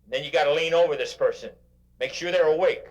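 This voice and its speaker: An older man giving a motivational keynote speech to a live audience, in an animated, emphatic, preacher-like way. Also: fairly high pitch, fast. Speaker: motivational speaker.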